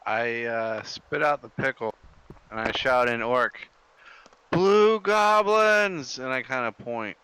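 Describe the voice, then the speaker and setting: A man's voice: mid-range voice, flat delivery, unhurried, sharp tone, smooth, poor audio. A man playing a tabletop game, talking hesitantly with many "uh"s. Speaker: player. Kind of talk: casual tabletop play.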